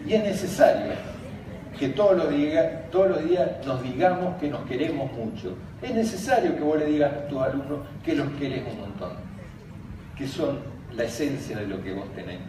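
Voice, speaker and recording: Telling funny stories and laughing along, an older Argentine-accented man addresses a large conference hall about emotional education, drawing on his past as a teacher. His voice is on the high side and animated at normal speed, heard distantly through heavy echo and background noise.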